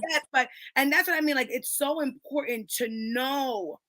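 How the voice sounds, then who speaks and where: A woman's voice: high-pitched, moderate pace, a bit bright, no room sound. A woman in casual, emphatic conversation about faith at a book club, talking with lots of fillers.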